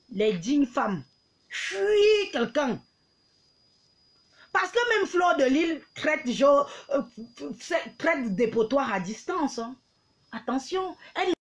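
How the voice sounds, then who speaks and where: A woman's voice: high voice, husky. A woman, taunting and mocking her critics in a heated live-stream rant, often laughing. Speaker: livestreamer.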